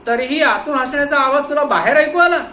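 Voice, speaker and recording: A man doing a shouting police inspector. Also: very high voice, brisk, reverberant, a little hiss or hum, pitched above the performer's own voice. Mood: angry. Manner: shouting, forceful questions. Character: stern angry male police inspector, interrogating.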